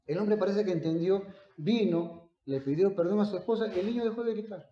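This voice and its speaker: A man preaching a sermon, swinging between loud emphatic declarations and quiet storytelling. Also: sits high, a little fast. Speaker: pastor. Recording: echoey room, dull lo-fi sound.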